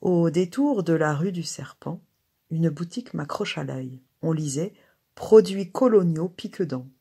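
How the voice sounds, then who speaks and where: A woman narrates a classic short story in a measured, expressive reading. Her voice sits low and sounds husky and breathy. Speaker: reader.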